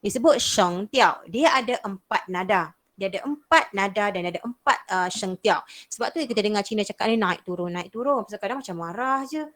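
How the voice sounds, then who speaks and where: A woman's voice: mid-range voice, animated, fairly quick, fairly bright tone. A young woman with a Malaysian Malay accent teaching a beginners' Mandarin class, explaining patiently and repeating sounds to demonstrate. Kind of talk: online language lesson.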